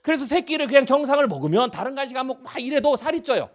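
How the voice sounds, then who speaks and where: A man in his fifties with a strikingly high voice preaches a revival sermon as guest pastor. He talks to the congregation like a conversation, throwing out rhetorical questions. He swings from loud, pressing emphasis down to near-hushed lines. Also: very animated, racing.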